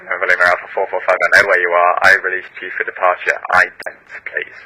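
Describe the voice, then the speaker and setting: A man's voice: low-pitched, monotone, fast talker, bright, forceful tone, poor audio. A man working as an air traffic controller, speaking clipped, procedural and firm phraseology over a radio channel. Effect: radio transmission.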